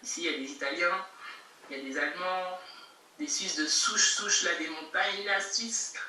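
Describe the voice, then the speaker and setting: A young woman from Geneva, Switzerland, appears as a guest rapper answering interview questions over a video call, casual and emphatic, repeating herself with laughs between points. Her lowish voice is bright and forceful at a moderate pace, heard through echoey, distant call audio with faint noise.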